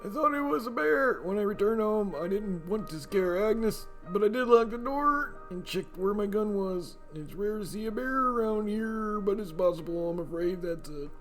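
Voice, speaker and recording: A man voicing an older husband in a game, with a put-on gravelly old man voice that sits higher than his own. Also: lively intonation, moderate pace, hardly any pauses, fairly bright tone, soft background music. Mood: recounting.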